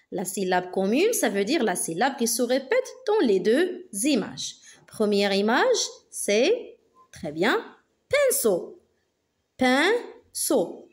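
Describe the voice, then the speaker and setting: Woman teacher, fairly high voice, very slow and deliberate, phonics for young kids. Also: darkish tone. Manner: slow, carefully articulated, repeats words twice. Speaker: primary school teacher.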